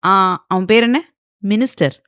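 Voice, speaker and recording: A woman's voice: fairly low pitch, normal speed, a bit bright, no echo, clean studio sound, natural voice. Woman doing a cocky, taunting male film star. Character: arrogant male film star, mocking and forceful.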